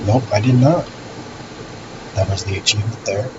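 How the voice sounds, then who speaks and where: A man's voice: fairly low pitch, moderate pace, highs cut off, background noise. A man giving casual gameplay commentary as he presents a walkthrough, offhand and hesitant, thinking aloud. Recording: loud game audio behind voice. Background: loud music and game sounds.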